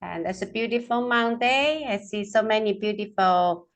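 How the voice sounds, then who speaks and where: A woman's voice: medium pitch, normal speed. A woman on a video call taking group photos, cheerfully coaxing everyone through countdowns. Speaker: event photographer.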